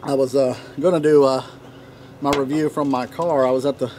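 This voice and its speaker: Recorded on an outdoor wooden deck in a leafy yard, this Tennessee pipe tobacco reviewer talks casually and slowly, rambling with frequent pauses. His average-pitched male voice stays steady and a bit dark, picked up by a camera a few feet away with a little hiss or hum. Birdsong surrounds him, with the occasional dog bark.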